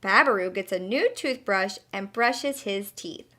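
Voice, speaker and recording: A woman tells a children's story expressively, addressing young listeners directly in animated, scripted narration. Her mid-range voice is bright and forceful, and she takes her time.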